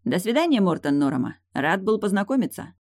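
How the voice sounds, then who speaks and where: A woman's voice: mid-range voice, sing-song, a little fast, a little mellow, pitched above the performer's own voice. A reader voicing a smug, mannered male trainer who talks cheekily. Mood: cheeky.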